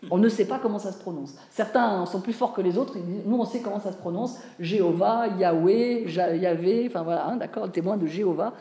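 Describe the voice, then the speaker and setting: A woman teaching about Bible translation to a live audience, talking conversationally and often turning to her listeners with questions and quick checks. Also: medium pitch, mellow. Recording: roomy echo.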